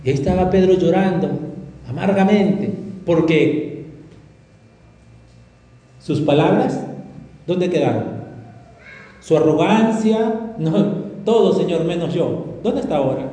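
A man's voice: high-pitched, expressive, slow, long pauses, warm tone. A man preaching a sermon as pastor, emphatic, asking the congregation rhetorical questions. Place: church hall. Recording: echoey hall reverb.

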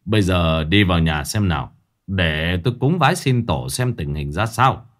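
A man voicing a brusque middle-aged village shaman calming a frantic mother in a ghost story. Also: sits low, moderate pace, pitched below the performer's own voice. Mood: curt. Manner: brusque, soothing but curt.

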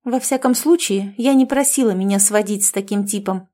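A snippy, indignant young woman, voiced by a female narrator in a spoken storybook. Her voice is a touch higher and louder than the narration, with a soft, mellow tone. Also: moderate pace, natural voice. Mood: exasperated.

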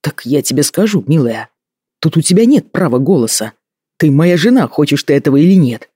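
A man's voice: on the high side, a little fast, husky, no room sound. A man reading an audiobook voices a stern young husband who speaks firmly and evenly, with dry mockery. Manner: steady, even-toned.

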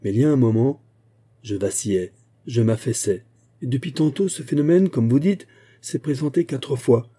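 A man's voice: mid-range voice, normal speed, warm tone, slightly rough, voice pushed up, natural voice. Porthos, a man reading a brooding old musketeer. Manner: brooding, earnest telling of family omens. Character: Porthos, strong aging musketeer, gloomy and superstitious.

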